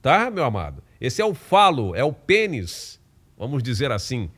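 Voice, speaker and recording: A man's voice: mid-range voice, wildly swooping pitch, normal speed, a bit bright, slightly rough. A man from Rio de Janeiro with a Carioca accent, delivering a fervent, informal preaching monologue full of emphatic repetition and restarts. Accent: Carioca Brazilian Portuguese. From Rio de Janeiro, Brazil. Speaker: evangelical preacher and channel host.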